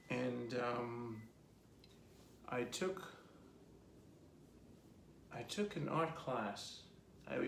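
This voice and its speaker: A man in his fifties with a Jamaican accent, telling his life story in a relaxed, rambling interview with many ums. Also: mid-range voice, gravelly, slight background noise. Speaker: host being interviewed by his daughter. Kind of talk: casual personal interview. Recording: echoey room.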